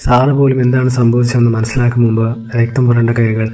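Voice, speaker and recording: A man narrating a film recap in a steady, even storytelling manner. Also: medium pitch, fast talker.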